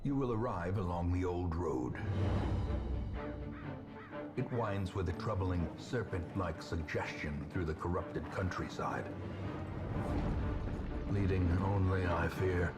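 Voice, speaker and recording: Deep, slow, brooding ancestor narrator of a horror game, over loud music. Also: male voice. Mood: foreboding. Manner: grandiloquent, brooding, archaic diction. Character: doomed old nobleman ancestor, grim and ominous.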